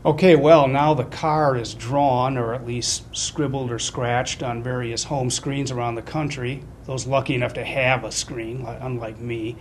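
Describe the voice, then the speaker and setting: Wry older man over faint rumble. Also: fairly even intonation, measured pace, hardly any pauses. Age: middle-aged or older. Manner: chatty, wry, self-deprecating. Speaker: webcast host. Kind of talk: casual webcast commentary. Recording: noticeable low rumbling background noise.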